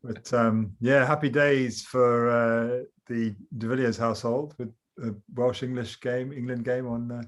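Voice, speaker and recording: A man's voice: medium pitch, little pitch movement, unhurried, few pauses, slight background noise. Jokey man in casual chat. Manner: jokey, self-deprecating.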